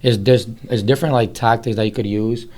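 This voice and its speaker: A man's voice: lowish voice, fairly even intonation, a little fast, a little mellow. A man hosting a podcast, chatting casually and rambling with lots of fillers. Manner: rambling, heavy use of "like". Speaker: podcast host. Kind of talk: casual chat.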